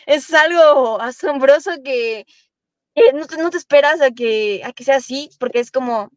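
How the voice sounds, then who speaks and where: A young woman from Ecuador with a high voice, talking eagerly as a guest on a podcast. She rambles quickly and restarts her sentences often. The sound is dull and lo-fi, in a dry room. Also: no echo. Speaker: guest racing driver. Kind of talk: podcast interview.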